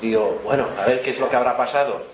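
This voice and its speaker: Man, middle pitch, laughing anecdote to a crowd, roomy hall with background noise. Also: quick pace. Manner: chatty anecdote-telling, often laughing. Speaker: event organizer. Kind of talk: storytelling to an audience. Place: lecture hall with audience.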